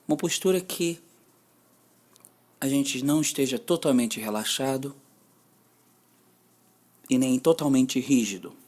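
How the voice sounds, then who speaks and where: With long pauses between each step, a man with a Brazilian Portuguese accent gently guides a mindfulness meditation. His voice sits in the mid range, and his instructions are measured and deliberate.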